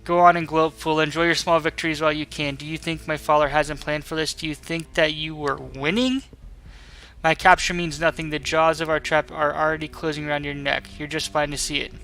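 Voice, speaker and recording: A man's voice: fairly high pitch, flat delivery, a little fast, pushed and bright. A man voicing a defiant, sneering woman villain from a video game, sputtering and gloating in defeat. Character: sneering, defiant female villain, captured noble mech pilot. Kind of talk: dramatic read-aloud of game dialogue.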